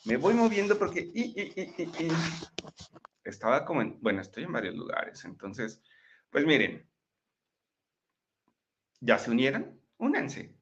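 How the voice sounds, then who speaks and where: A man's voice: on the high side, very animated, unhurried, pauses often, fairly bright tone, muffled recording. A man giving a chatty live-streamed motivational talk, often checking in with his listeners. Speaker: motivational speaker. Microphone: laptop microphone.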